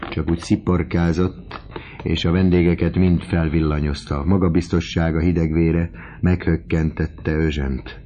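Man, audiobook narrator, very low dark voice, measured reading. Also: level tone, muffled recording, slight background noise. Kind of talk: scripted literary narration.

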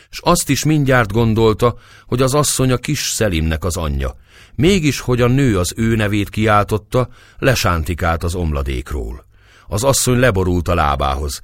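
Deep-voiced man reading a story aloud. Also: dry recording, studio quality. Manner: expressive storytelling, voices characters' shouts. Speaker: audiobook narrator. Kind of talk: literary audiobook reading.

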